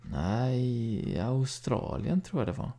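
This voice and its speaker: A man with a gravelly voice voicing a dazed, distant mother who answers in a flat, toneless way. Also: mid-range voice, voice pushed up.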